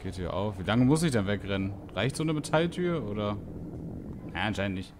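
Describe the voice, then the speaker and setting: A man's voice: on the low side, expressive, brisk, noisy background. A man giving casual gameplay commentary, chatty and joking as he reacts aloud. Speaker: let's play streamer.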